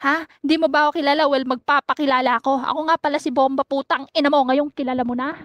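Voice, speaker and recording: A high-voiced woman trading barbs in a freestyle insult battle, recorded dry and close. She taunts her opponent with a steady stream of curses and mocking questions, her voice pushing hard. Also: quick pace, no room sound, lo-fi sound. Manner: aggressive, taunting, heavy cursing. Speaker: battle rapper.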